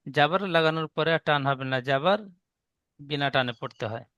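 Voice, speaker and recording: A man teaching a Quran reading class, spelling out letter sounds in a slow, patient, repetitive drill. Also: on the high side, fairly even intonation, a bit bright, no room sound.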